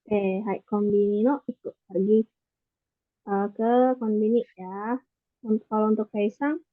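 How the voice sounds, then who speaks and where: A woman's voice: mid-range voice, fairly even intonation, measured pace, no echo. A woman language teacher explaining grammar patiently in an online class, checking in with the students often. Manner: patient explaining, frequent tag questions. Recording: tinny call audio, dry.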